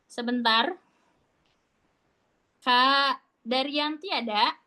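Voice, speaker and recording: High-voiced woman teaching recitation. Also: extremely slow, bright, forceful tone. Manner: patient, demonstrates sounds aloud; casual, chatty explaining. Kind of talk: online recitation class.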